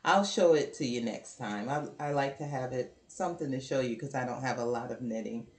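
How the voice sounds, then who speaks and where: A low-voiced woman hosting a knitting podcast talks unhurriedly in an echoey room at home, doing casual show-and-tell. She's chatty and apologetic, rambling with ums and restarts, and has the hiccups.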